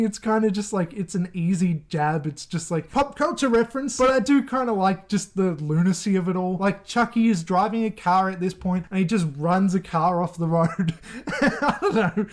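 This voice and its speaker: High-voiced chatty man ranking movie deaths. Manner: chatty, rambling, laughs often. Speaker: horror movie YouTuber. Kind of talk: casual ranking commentary.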